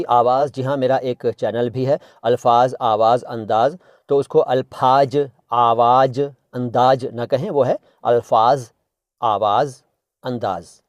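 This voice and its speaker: A man's voice: medium pitch, darkish tone, no room sound, studio quality. A man hosting a casual Hindi and Urdu language lesson, playfully repeating words to correct pronunciation and humming bits of old songs. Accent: Indian Hindustani. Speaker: language teacher and channel host.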